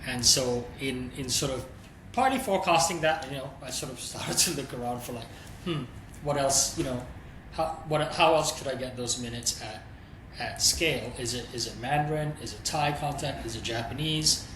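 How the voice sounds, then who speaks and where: Thinking out loud, a male streaming executive responds to interview questions with candor and thought. He talks at a normal speed in a mid-range voice, recorded with roomy echo over constant background noise.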